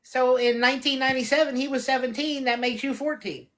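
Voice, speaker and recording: A woman's voice: high-pitched, fairly even intonation, fast, a crowd in the background. A woman hosting a live stream, chatting casually and teasing her guests with frequent laughter. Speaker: live stream host interviewing fans. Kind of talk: casual chat.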